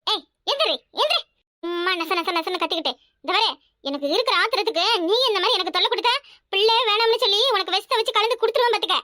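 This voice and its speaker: In a cartoon voice-acting clip, a woman plays a harsh, worn-out village mother with a Kanyakumari Tamil accent, scolding shrilly and threatening in rapid-fire lines. Her exaggerated delivery is pushed and bright with lively intonation, captured in a dry, clean studio recording.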